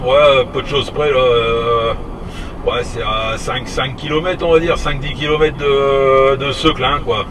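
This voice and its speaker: A man with a mid-range, unhurried voice chats casually as a CB radio operator, hesitant and rambling, tacking tag words onto the ends of phrases. He's inside a moving vehicle, picked up by a distant mic over steady road noise.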